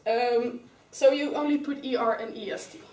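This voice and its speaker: Heard from far across a roomy, echoing classroom, a young Dutch-accented student teacher takes her class through English grammar rule by rule, naming pupils as she calls on them. Her voice is a little high and darkish, with fairly even intonation at a moderate pace.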